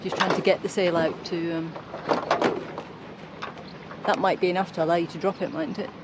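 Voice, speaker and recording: A woman's voice: on the low side, level tone, moderate pace. A middle-aged woman chatting casually about their sailing trip and boat repairs. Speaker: sailing vlogger. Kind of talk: casual travel chat. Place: outdoors on a sailboat. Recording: outdoor recording with loud background noise.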